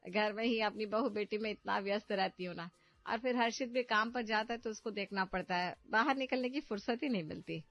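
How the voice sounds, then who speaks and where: A woman's voice: mid-range voice, fairly quick, fairly bright tone, lightly acted. Woman doing a scolding mother-in-law. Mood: chatty. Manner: scolding, exasperated. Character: middle-aged mother-in-law, scolding and fretful. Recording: muffled, faint background music.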